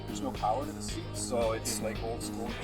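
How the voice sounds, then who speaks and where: A man's voice: mid-range voice, completely flat delivery, moderate pace. A man with a Canadian accent giving casual, reassuring step-by-step instruction as a driving instructor. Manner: easygoing, reassuring, informal step-by-step explaining. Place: inside a car. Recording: loud guitar music over in-car talk. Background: guitar music.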